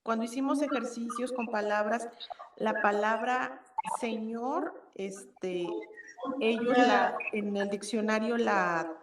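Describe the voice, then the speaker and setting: A woman's voice: fairly high pitch, steady tone, slow pace. A woman student asking a question, hesitant and searching for words. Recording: echoey room with background noise.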